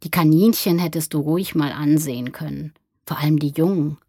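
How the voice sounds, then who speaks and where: A gentle older man coaxing a frightened boy, voiced by a woman reading aloud. The voice stays low, soft and husky. The recording is close and dry. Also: fairly even intonation, a little fast, dry recording.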